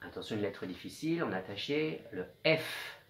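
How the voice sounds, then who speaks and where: A man teaching young children a spelling dictation, speaking gently and encouragingly and sounding out letters slowly. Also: fairly low pitch, animated, roomy sound, a little hiss or hum. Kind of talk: slow, patient dictation lesson for young children.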